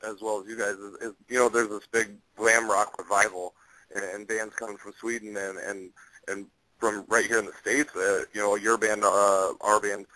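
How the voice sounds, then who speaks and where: A man's voice: on the low side, sharp tone, no room sound, low-quality recording. A man chatting and joking on a casual radio show, rambling through his questions.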